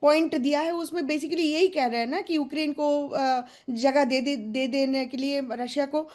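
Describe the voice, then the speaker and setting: Casting: high-pitched woman pundit, forceful opinions, halting delivery full of fillers. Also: fairly even intonation. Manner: hesitant, many fillers, mixes English phrases, assertive. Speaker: panelist. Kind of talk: news debate commentary.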